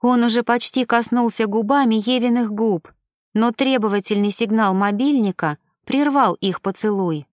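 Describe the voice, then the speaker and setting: A woman narrating a romance audiobook in an even, measured storytelling manner. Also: on the high side, no echo, clean studio sound. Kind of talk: scripted narration.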